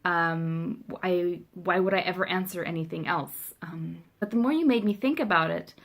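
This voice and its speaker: A fairly low-pitched voice at normal speed belongs to a young South African vlogger, a first-language Afrikaans speaker. Her casual video letter to a friend is chatty, wry, and self-mocking, sprinkled with ums.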